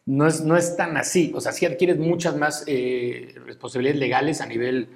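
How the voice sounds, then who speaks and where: This time the middle-aged Mexican guest speaks in a gravelly mid-range voice, steady and moderately paced. His casual advice stays frank and fatherly, peppered with filler tags.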